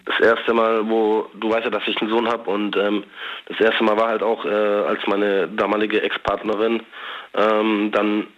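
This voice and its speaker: A young man from Germany phones in to a radio show, and his voice reaches the studio through a dull, lo-fi home phone line. He speaks low and hesitantly, often pausing as he goes. The phone line strips the sound down to a muffled band. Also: flat delivery, a bit bright. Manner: halting, hesitant speech. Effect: heard over a home phone line. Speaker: radio caller.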